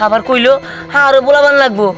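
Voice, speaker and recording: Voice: sits high, quick pace, fairly bright tone, faint music behind. A performer playing an anxious, protective village boy in a drama, stammering and pleading urgently with a rural Bangladeshi accent. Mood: alarmed.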